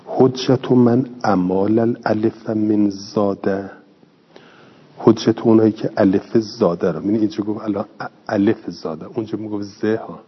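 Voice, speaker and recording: A man's voice: fairly low pitch, a little hiss or hum. A man teaching a classroom lesson, explaining step by step and answering his own questions. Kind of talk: classroom lecture. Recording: dull lo-fi recording in a reverberant hall.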